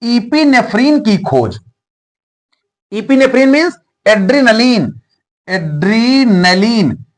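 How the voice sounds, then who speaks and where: A man's voice: very high voice, big pitch swings, slow pace. A man teaching a biology lesson, asking questions and answering them himself and repeating key terms. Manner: teaching memory tricks.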